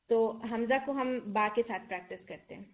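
Woman, tajweed teacher, patient and slow, fairly high voice, slightly muffled lo-fi audio. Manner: patient, explains slowly, mixes English words into Urdu; demonstrates letter sounds aloud. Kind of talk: online lesson.

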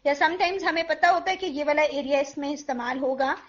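High-voiced woman teaching pronunciation patiently. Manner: patient, demonstrates sounds slowly and repeats them. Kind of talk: explanatory lesson mixing Urdu and English. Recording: dull lo-fi recording.

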